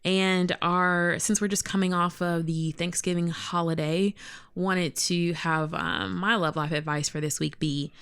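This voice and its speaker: A woman's voice: lowish voice, steady tone, measured pace, fairly bright tone, clear, resonant tone. A woman co-hosting a podcast, giving advice in casual, chatty talk. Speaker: podcast co-host. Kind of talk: casual chat.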